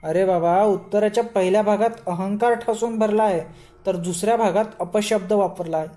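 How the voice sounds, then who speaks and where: A shrewd older man speaks firmly and sensibly, explaining his reasoning step by step. A woman reads him aloud. Her voice is mellow and soft. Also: mid-range voice, normal speed, soft background music, lightly acted. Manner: firm, level-headed, explaining. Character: shrewd, calm older man, devoted disciple.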